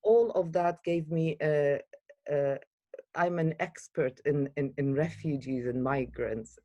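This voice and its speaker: A woman from Iraq, a guest in an interview, speaking earnestly and hesitantly with many pauses and fillers. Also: deep voice, warm tone, no echo.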